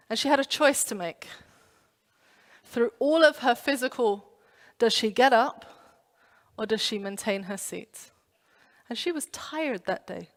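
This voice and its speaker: Her voice on the high side, a woman from London preaches to young people in an echoing church hall. As a pastor, she animates her stories by performing the inner voices of the people in them.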